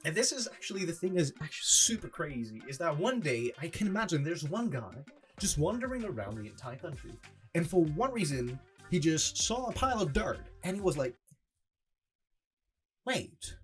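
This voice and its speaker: A man's voice: on the high side, very animated, a little fast, soft background music. A man from France with a French accent, talking English in a casual, rambling, sarcastic vlog style full of "like" fillers. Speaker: vlogger. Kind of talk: casual chatty explainer.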